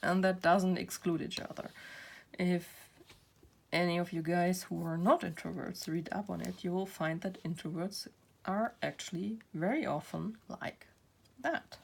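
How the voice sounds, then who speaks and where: Woman rambling slow while she crafts, gravelly low voice, laughs at herself a lot. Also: fairly even intonation. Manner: rambling, self-deprecating, laughs often. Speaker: craft channel host. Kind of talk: casual chat while crafting. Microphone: built-in camera mic.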